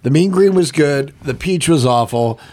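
A man's voice: a little high, animated, moderate pace, darkish tone. A man co-hosting a casual podcast tasting chat, easygoing and enthusiastic. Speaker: podcast co-host.

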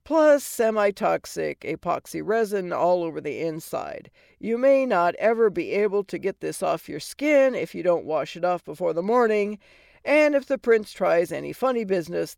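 Woman voicing a no-nonsense fairy godmother, brassy and blunt, with a gravelly edge. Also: fairly low pitch, expressive, normal speed, dry recording, studio quality. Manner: loud, blunt and sarcastic. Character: brash, sarcastic fairy godmother, bossy and unsentimental.

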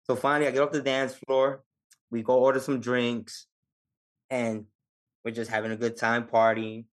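A man's voice: medium pitch, moderate pace. New York Puerto Rican man telling stories. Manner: lively, laughs often, street slang. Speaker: podcast guest, Navy veteran. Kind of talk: casual storytelling.

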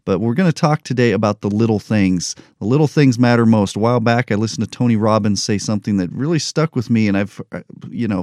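A man in his forties hosts a solo motivational podcast, speaking candidly and unscripted with a touch of humor. His voice is lowish with a darkish tone. The studio sound is clean, with no echo.

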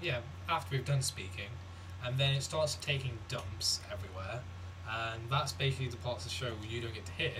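A man's voice: medium pitch, fairly quick, hardly any pauses, distant mic, noisy background. A young man co-hosting a podcast, dry and mocking as he plays along with absurd jokes. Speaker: podcast co-host. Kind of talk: casual comedic chat.

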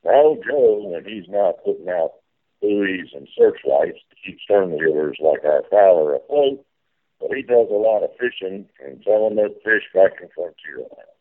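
Man as folksy riverboat captain, deep voice, animated delivery, hearty ride spiel, theme park cruise. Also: normal speed, narrow, tinny audio. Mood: folksy, jovial. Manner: folksy, calls orders to crew.

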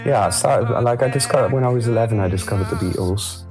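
A man's voice: lowish voice, fast, over music. A man from France, a singer-songwriter guest in an interview, answering thoughtfully with hesitant fillers.

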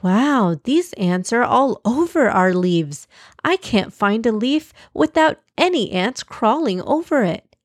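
A calm, sensible young giraffe sister talks slowly and patiently, gently scolding, as a woman storyteller puts her on. The sound is close and dry, with no room behind it. It is a children's audio story. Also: fairly high pitch, dry recording. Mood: surprised.

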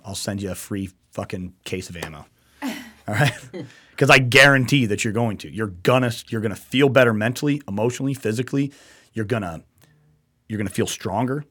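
A man's voice: lowish voice, lively intonation, a little fast, fairly bright tone, breathy edge. A man hosting a casual talk show, rambling and repeating himself with emphasis and the odd swear word. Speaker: show host.

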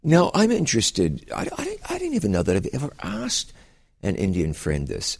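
Man, pastor, interview host, gravelly, animated, quick follow-up questions. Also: medium pitch.

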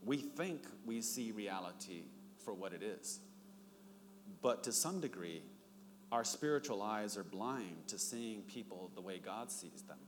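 A man's voice: expressive, unhurried. A middle-aged man preaching a sermon, telling stories and acting out the dialogue in them. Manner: storytelling, acts out dialogue with rising pitch. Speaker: pastor. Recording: long reverb, faint background noise.

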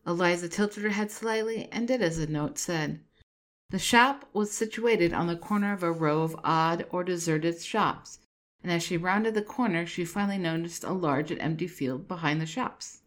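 A woman narrating her own fan fiction story in an even, measured reading. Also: fairly low pitch.

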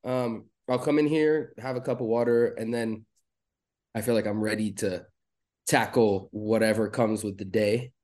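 A man's voice: lowish voice, normal speed. Laid-back man from Lebanon, chatty guest. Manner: relaxed, rambling, filler-heavy, slangy. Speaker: podcast guest. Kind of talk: casual interview chat.

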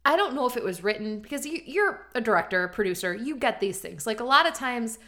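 A woman in her thirties co-hosts a casual conversation, sharing strong opinions. Her fairly high voice has a bright, sharp edge and sounds expressive. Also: fast. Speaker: podcast co-host. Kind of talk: casual chat.

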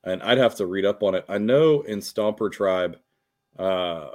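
A man's voice: low-pitched, a little slow. A man co-hosting a casual gaming chat, easygoing and thinking aloud with some fillers. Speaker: co-host of a tabletop wargame talk show.

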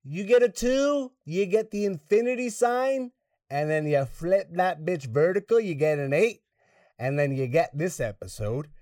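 A brash male podcast host jokes and curses his way through casual banter. His voice sits a touch high. The sound is dry, with the mic slightly distant. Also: expressive, measured pace, dark tone, no echo. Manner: brash, profane, joking.

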